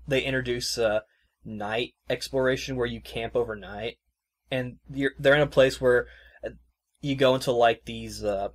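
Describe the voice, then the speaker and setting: A man hosting a podcast, chatting casually in a loose, rambling way full of fillers, and laughing easily. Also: medium pitch. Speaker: podcast host reviewing a video game. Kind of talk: casual chat.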